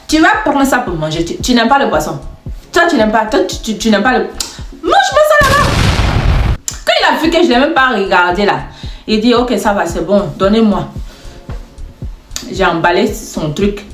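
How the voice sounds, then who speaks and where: Woman, comic storyteller, lively swings in pitch, fairly high voice, echoey room. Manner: animated, chatty, acts out dialogue. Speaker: storyteller, content creator.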